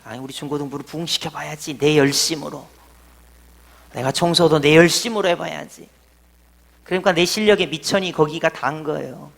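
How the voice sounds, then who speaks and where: A middle-aged pastor preaching a sermon, telling stories and swinging between loud emphatic lines and quiet asides. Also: male voice, sits high, gravelly. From Jeolla, South Korea. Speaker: senior pastor.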